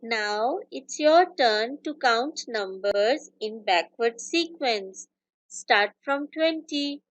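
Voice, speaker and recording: A woman with a Pakistani accent teaching a scripted lesson to young children like a kids' show host, in simple, deliberate, instructional phrases. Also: on the high side, expressive, muffled recording. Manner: slow, deliberate, instructional delivery. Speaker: kindergarten maths teacher.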